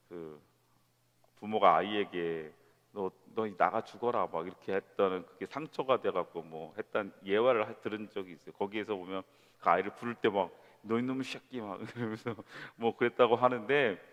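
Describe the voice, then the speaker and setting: A man preaching a sermon to young adults, conversational and lively, with rhetorical questions and quoted voices. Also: fairly low pitch, dull audio. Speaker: pastor. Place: church sanctuary. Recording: long church hall reverb.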